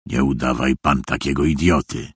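A cruel, pompous police official, as a man reading aloud puts him on, speaking in a lower, gruff, domineering voice. It is husky and dry, recorded close. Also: normal speed, no room sound, full character voice. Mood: stern.

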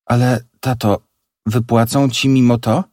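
A man's voice: mid-range voice, fairly even intonation, unhurried, darkish tone, dry recording, studio quality, lightly acted. A man voicing a worried young woman, a daughter pleading and asking questions, in an audiobook reading. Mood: anxious.

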